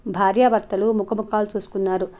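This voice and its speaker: A woman storyteller narrating an audio novel. Her delivery is steady and measured, with a mid-pitched voice. The recording sounds slightly dull and lo-fi.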